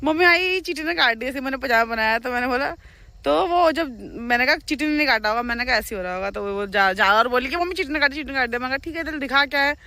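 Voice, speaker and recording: A young woman vlogging from home, telling a family story in a chatty, animated way and laughing often. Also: sits high, fast, dry recording. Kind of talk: casual storytelling vlog. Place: at home, near farm animals.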